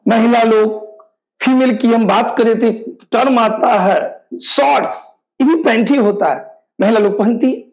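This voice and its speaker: Male teacher, very high voice, slow delivery, repetitive drilling, rhetorical questions. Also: low-quality recording. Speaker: English teacher. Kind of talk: exam-prep classroom lesson.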